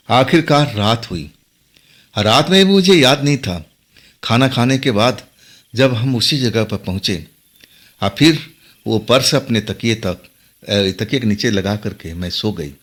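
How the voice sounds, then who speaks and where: Man telling a scary story dramatically, pitch all over the place. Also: a bit bright. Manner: dramatic, tense. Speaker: horror storyteller. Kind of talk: dramatic first-person horror narration.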